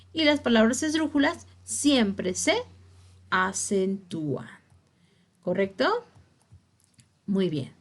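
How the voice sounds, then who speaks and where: A woman teacher giving a spelling lesson to her students, stressing key words and checking that they follow along. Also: on the high side.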